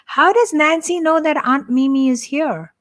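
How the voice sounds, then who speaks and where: A middle-aged Indian woman with an Indian accent hosts a chatty, playful church live stream, joking around with viewers in casual conversation. Her voice sits high and fairly bright, and she takes her time.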